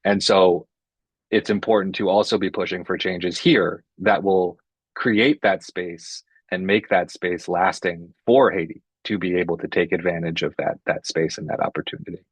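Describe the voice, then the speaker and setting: A man's voice: low-pitched, fairly even intonation, normal speed, husky, dry recording. A man researcher speaking as a panelist in an online discussion, conversational and tagging his points with "right?". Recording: dull, dry webinar audio.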